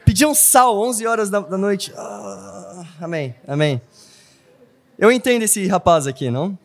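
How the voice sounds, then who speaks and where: Speaking at a measured pace, this young man from Brazil has a voice that sits high and a Brazilian Portuguese accent. He's delivering a sermon in a church hall, spinning lively stories and frequently tossing in "não?" to check in with the congregation.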